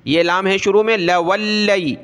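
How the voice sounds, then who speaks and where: A man teaching Quran recitation letter by letter, spelling out letters and vowel marks, explaining pronunciation rules, and chanting the verses slowly. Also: high voice, steady tone, a bit bright, smooth.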